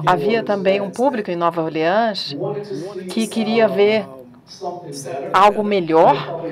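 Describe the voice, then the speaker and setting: Measured woman giving an academic talk. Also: medium pitch. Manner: measured, pausing with fillers. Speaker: panel speaker.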